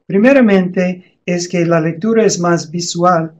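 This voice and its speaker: Slow, high-voiced man teaching a lesson. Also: darkish tone, dull audio. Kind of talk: explanatory lesson on teaching reading.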